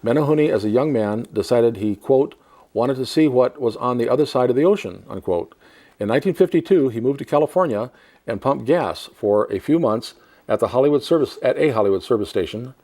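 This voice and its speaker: A man's voice: medium pitch, animated, brisk, mellow. A man hosting a talk show, reading a profile aloud and adding chatty asides with frequent laughs. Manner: chatty, laughs between lines.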